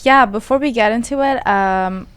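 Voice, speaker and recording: A woman's voice: a little high, moderate pace, clear, resonant tone. A woman in her twenties, born and raised in Iran, co-hosting a casual chat show in a chatty, giggly way. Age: 20s. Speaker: podcast co-host.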